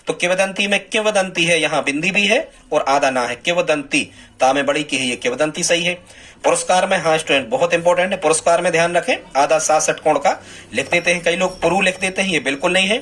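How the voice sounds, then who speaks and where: Lol teacher guy, bright voice, keeps asking then answering his own questions in the lesson. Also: a little high. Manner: repeats words, asks and answers himself. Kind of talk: Hindi grammar lesson.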